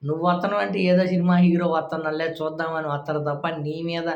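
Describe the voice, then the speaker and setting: A man's voice: fairly high pitch, fairly even intonation, fast talker, reverberant, dull audio. A man commenting sarcastically on political speech clips in a casual, scoffing way.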